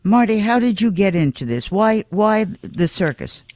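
A woman's voice: medium pitch, very animated, normal speed, darkish tone, no room sound. A woman hosting a casual radio interview, firing short, blunt, direct questions at her guests. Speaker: radio show host, interviewer.

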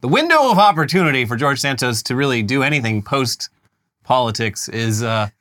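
A man's voice: mid-range voice, expressive, normal speed, fairly bright tone. A man co-hosting a comedy podcast, ranting in mock outrage with sarcastic asides, then dropping to mumbles. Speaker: podcast co-host. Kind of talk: comedic political banter.

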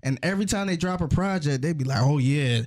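A man's voice: high-pitched, quick pace, darkish tone. A man chatting casually and laying out his opinions at an easy pace. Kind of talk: casual chat.

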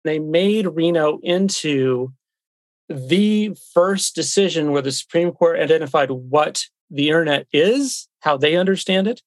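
A man's voice: a little high, animated, unhurried, dry recording. A man being interviewed as an expert, explaining in a conversational way.

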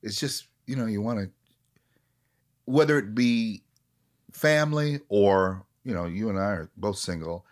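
A man's voice: on the low side, measured pace, long pauses. A man in his late forties, an actor talking candidly and reflectively in a conversation, often restarting his sentences. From Minneapolis area. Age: 40s. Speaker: actor, guest.

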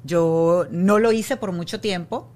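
A middle-aged woman from Venezuela, a guest in a casual interview, speaking softly and earnestly about family and grief. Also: lowish voice, takes it slowly. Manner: soft, reflective, earnest. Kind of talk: casual conversation.

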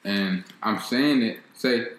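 A man co-hosting a casual chat, mostly monotone, rambling as he works through his points. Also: lowish voice, takes it slowly. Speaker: co-host. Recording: echoey room.

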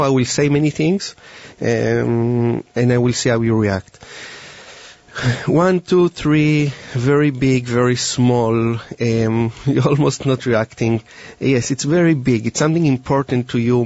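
A man's voice: medium pitch, a little mellow, no echo. Israeli-accented man, dull dry recording. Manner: halting, non-native English phrasing. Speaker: mentalist performer. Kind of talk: mind-reading demonstration, talking to a volunteer.

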